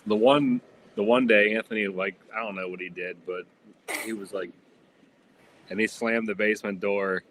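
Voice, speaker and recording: A man's voice: on the low side, fairly even intonation, moderate pace, long pauses, fairly bright tone, slight background noise. A man talking casually, rambling with lots of fillers. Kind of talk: casual chat.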